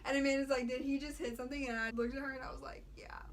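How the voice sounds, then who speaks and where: A young American woman chatting casually as a vlogger, telling a story in an animated, slangy way and quoting the dialogue. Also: sits high, racing. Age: young adult. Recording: clear background noise.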